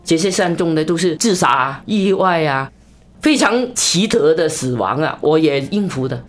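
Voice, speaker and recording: A woman evangelist telling a story in an interview, with a lively delivery, big pitch swings and quick, repeated phrases.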